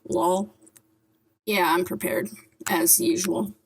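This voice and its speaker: A woman's voice: lowish voice, steady tone, rough recording. Woman with slightly whistling, lisped S sounds. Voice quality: slight lisp with hard, whistling S sounds from dentures. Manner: deliberate, careful articulation around dentures. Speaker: vlogger. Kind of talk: casual talk to camera.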